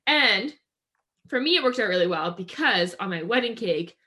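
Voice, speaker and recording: Woman from Canada, podcast co-host, casual chat, bright tone. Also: medium pitch, lively intonation, moderate pace. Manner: chatty, upbeat, heavy use of "like".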